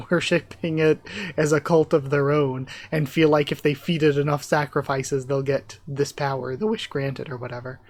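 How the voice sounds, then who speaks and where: A YouTube reaction host with a higher voice reads comic dialogue aloud live, commenting casually. He thinks aloud and speculates, dropping chuckling asides.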